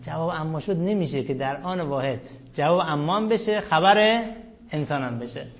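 A male teacher lectures a class, walking through each point and stopping to quiz his students. His voice sits a little high for a man. The recording is slightly dull and lo-fi. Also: lively intonation, a little hiss or hum. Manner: explains step by step, quizzing students with questions.

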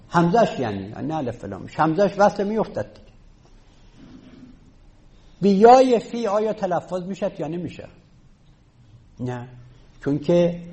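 A man's voice: fairly high pitch, darkish tone. A man teaching a class, explaining step by step and counting items aloud. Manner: takes student questions. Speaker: teacher of Arabic rhetoric. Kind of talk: classroom lecture.

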